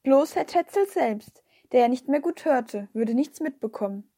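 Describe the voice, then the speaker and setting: A woman narrating a children's story in a lively first-person storytelling manner. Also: high voice, moderate pace, breathy edge, no echo, clean studio sound. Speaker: audiobook reader.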